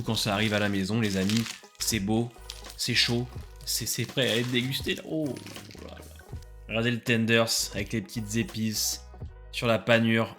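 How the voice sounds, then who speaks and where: A man's voice: fairly low pitch, fairly bright tone. A young man hosting a casual food review vlog, enthusiastic and full of hesitant fillers. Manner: enthusiastic, many filler "euh"s. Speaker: food vlogger.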